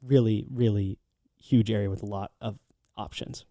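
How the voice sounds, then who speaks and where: American guy cohosting a travel podcast, mellow voice, super dry recording, just chatting recs. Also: fairly low pitch, fairly even intonation, moderate pace, dry recording. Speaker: podcast co-host. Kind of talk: casual travel recommendation podcast talk.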